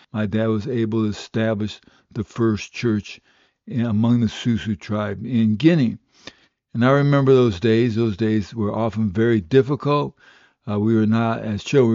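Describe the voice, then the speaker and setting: An older male radio pastor delivers a sermon in an earnest, unhurried storytelling voice. His tone sits on the low side and sounds warm and mellow. The recording is dry and a little dull, like an old radio broadcast. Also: dry recording. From West Africa. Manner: earnest, steady preaching storytelling. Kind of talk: radio sermon with personal testimony.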